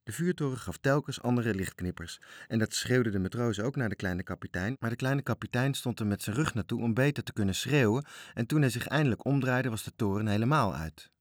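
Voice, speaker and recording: A man reading a children's story aloud, telling it in a lively way. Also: mid-range voice, a little fast, dry recording, clean studio sound. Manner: lively, animated storytelling with voices. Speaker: narrator.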